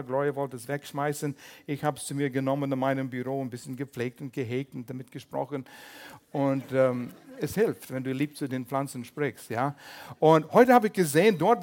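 An older man preaching a sermon as pastor, lively and humorous, with small slips in his German. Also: on the high side.

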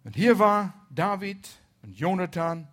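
A man preaching a sermon, retelling a Bible story and shifting between soft asides and loud emphasis. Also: sits high, expressive, unhurried.

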